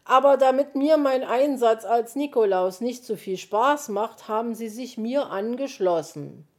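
A woman's voice: a little high, animated, unhurried, darkish tone, pitched above the performer's own voice. A woman voicing an impatient, scolding male fox. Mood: grumpy. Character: gruff, grumpy male fox.

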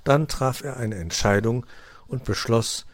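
A man's voice: mid-range voice, unhurried. A man narrating a children's animal story in a scripted style.

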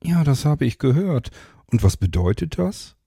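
A man's voice: mid-range voice, very animated, normal speed, creaky, mellow, husky, no echo, studio quality, voice pushed up, heavily acted. A man voicing a shy, easily flustered young woman, speaking in a raised, questioning way. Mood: puzzled.

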